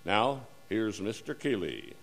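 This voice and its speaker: A man playing a polished 1940s radio announcer who gives a formal, smooth sponsor pitch in old radio style. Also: big pitch swings, slow, a bit bright, exaggerated voice. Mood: upbeat.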